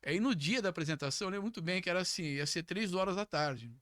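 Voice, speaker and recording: A middle-aged man from São tells stories on a podcast in a casual, animated way, jumping higher when he quotes others. His voice is bright and somewhat high for a man. It is recorded close and dry. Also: fast talker, no room sound. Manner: animated, jumps to high pitch when acting out quoted speech. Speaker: podcast guest. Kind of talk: casual storytelling.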